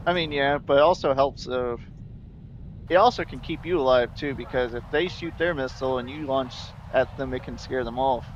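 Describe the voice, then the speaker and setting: A man's voice: medium pitch, normal speed, highs cut off. Joking gamer guy, faint noise behind. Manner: easygoing, joking, complains about the game. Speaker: gamer on stream. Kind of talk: casual gaming voice chat.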